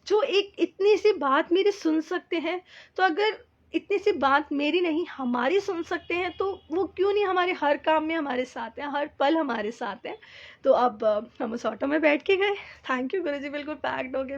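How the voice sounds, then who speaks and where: A woman telling a heartfelt devotional testimony, speaking earnestly and haltingly, with many fillers and English words mixed in. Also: high-pitched, muffled recording. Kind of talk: personal spiritual testimony.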